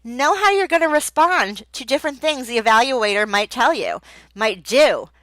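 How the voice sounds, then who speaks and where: Bright-voiced woman giving teaching tips. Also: on the high side, big pitch swings, no echo, low-quality recording. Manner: emphatic, repeats key words, acts out slow teacher speech. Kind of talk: casual advice video.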